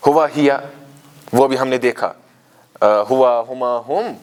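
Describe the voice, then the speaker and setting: A man's voice: mid-range voice, slow, a little mellow, clean tone. A man teaching Arabic grammar to a class, explaining terms step by step, asking questions and leading recitation drills.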